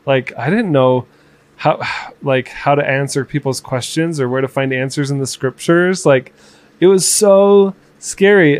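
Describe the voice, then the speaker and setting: A man in his twenties chatting casually as podcast co-host, reflective and halting, with fillers and restarts. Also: a little high. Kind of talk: casual conversation.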